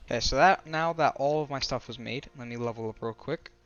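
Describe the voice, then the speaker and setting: A man's voice: medium pitch, brisk, a bit bright, smooth, dull audio. Man rambling through a game tutorial. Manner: rambling, restarts and corrects himself. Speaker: gaming tutorial creator. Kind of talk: casual game tutorial voice-over.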